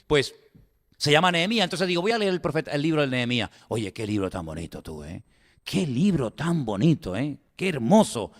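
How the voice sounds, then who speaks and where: A male pastor delivering an animated, conversational sermon to his congregation, full of rhetorical asides. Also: a little high, big-room sound. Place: church.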